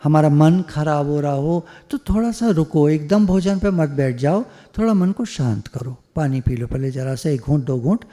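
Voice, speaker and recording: ऊँची आवाज़ वाला पुरुष प्रवचनकर्ता, गूंजते हॉल में. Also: male voice, fairly high pitch, moderate pace, hardly any pauses, mellow. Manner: conversational, joking, mixes English words. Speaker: spiritual speaker. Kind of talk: devotional satsang discourse. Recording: long hall reverb.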